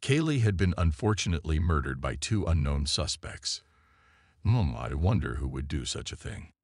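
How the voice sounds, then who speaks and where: Guy doing a super deep gravelly narrator voice, dry sound, somber crime-story feel. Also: very animated, normal speed, darkish tone, no room sound, heavily acted.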